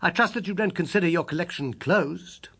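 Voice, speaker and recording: In an audiobook, a man voices a brisk, self-assured British gentleman detective, pitching it high and somewhat strident with a quick, incisive delivery. The heavily acted performance has a creaky, breathy edge and a probing, brisk mood.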